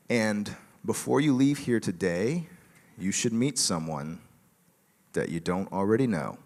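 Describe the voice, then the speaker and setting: A man giving a relaxed conference talk with a joking tone and many fillers, speaking in a large auditorium. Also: on the low side, long reverb tail.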